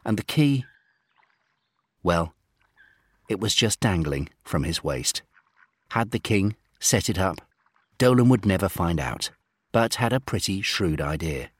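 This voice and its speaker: Deep, husky storybook narrator. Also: male voice, measured pace, long pauses, dry recording, clean studio sound. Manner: steady, gently dramatic reading.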